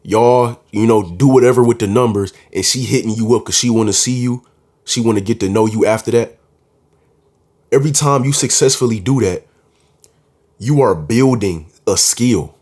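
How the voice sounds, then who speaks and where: A man's voice: medium pitch, moderate pace, darkish tone. A man talking casually to camera, giving dating advice in a confident, slangy way and often calling the listener "bro". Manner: confident, emphatic.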